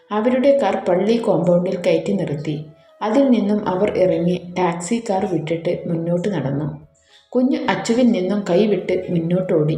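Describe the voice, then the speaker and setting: A woman narrating an emotional family story in a calm, even storytelling manner. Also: on the low side. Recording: roomy echo, faint music.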